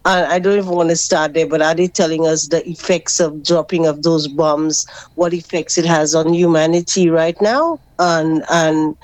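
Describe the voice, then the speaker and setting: A woman's voice: low-pitched, steady tone, normal speed, a little mellow. A woman calling into a radio talk show over a clipped phone line, rambling and hesitant with many fillers and restarts. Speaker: radio call-in caller. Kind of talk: casual call-in chat. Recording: phone line, slightly distant.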